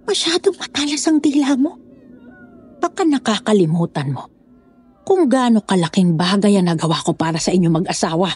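A woman's voice: medium pitch, lively intonation, moderate pace, a little mellow, breathy edge. A woman playing a scheming, commanding older woman in a dramatized horror story, speaking in a scolding, condescending manner.

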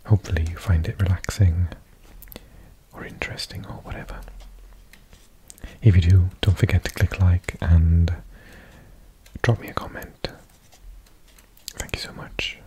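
Male ASMR whisperer: mellow, slow, soft reading delivery, close-miked. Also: deep voice, fairly even intonation, rough recording. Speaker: ASMR video host.

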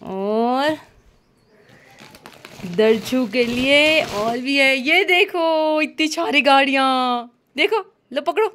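A woman's voice: high voice, slow pace, fairly bright tone. A young woman, a mother, playfully coaxing and teasing her toddler at home in baby talk, laughing often. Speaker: mother and family vlogger.

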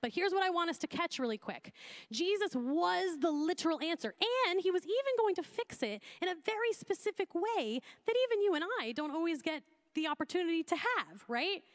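A woman's voice: very high voice, big pitch swings, a little fast. Woman pastor preaching a conversational sermon. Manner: conversational preaching, rising in intensity.

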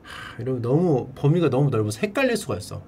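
A man streaming and chatting casually, drilling words by repetition in a playful way and breaking into shouted cheers. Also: very animated, fast, a little hiss or hum. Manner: playful, drills words by repeating them in a high echo. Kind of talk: casual livestream chat.

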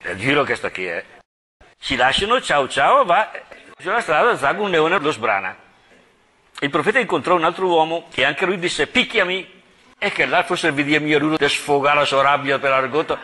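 A man's voice: on the high side, pushed and bright, breathy edge. A middle-aged male parish priest giving an informal Bible lesson, chatty, with laughing asides and dramatic retellings of scripture.

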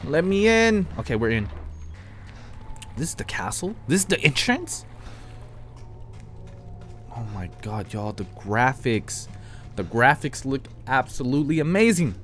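A man's voice: medium pitch, very animated, measured pace, pauses often, fairly bright tone, faint music behind. A young man giving casual, reactive let's play commentary into a headset, full of exclamations. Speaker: gaming streamer. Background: video game sounds.

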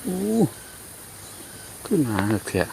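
A man with an Isan accent giving casual commentary as he fishes outdoors, breaking into loud excited exclamations. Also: slow pace. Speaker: fishing vlogger. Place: outdoors by natural water. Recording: outdoor insect noise. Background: crickets and insects.

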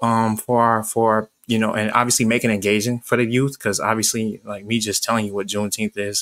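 Podcast co-host, male, fairly low voice, earnest and reflective, casual studio chat. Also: a bit bright. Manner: earnest, reflective, repeats himself.

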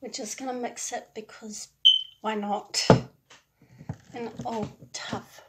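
A young adult woman chatting casually in short, halting remarks as she hosts a homemade food video at a table indoors. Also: fairly high pitch, fairly even intonation. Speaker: host of home food challenge video. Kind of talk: casual vlog chat while preparing and eating food. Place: indoors at a kitchen or dining table. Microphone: phone propped at arm's length. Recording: very noisy phone recording with clicks.

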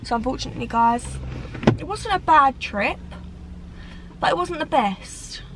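A young woman chats animatedly to a dashboard camera in a parked car. Her voice sits high and bright as she gestures and lets out dramatic sighs. A faint hum of the car and the outside can be heard behind her. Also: expressive, a little slow. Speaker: vlogger. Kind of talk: casual chat to camera. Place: parked car on a rainy day.

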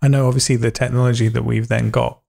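A man's voice: medium pitch, flat delivery, fast, vocal fry, darkish tone. A young man hosting a podcast interview, rambling, joking and cutting himself off mid-sentence. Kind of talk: casual conversational interview.

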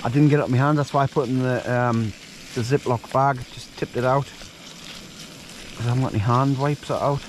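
A man's voice: medium pitch, steady tone, brisk. Casual male outdoor vlogger, jokey and rambling, recorded outdoors at night with faint background noise. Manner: chatty, joking, rambling asides. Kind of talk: casual outdoor cooking vlog. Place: wild camp in hills at night, outdoors.

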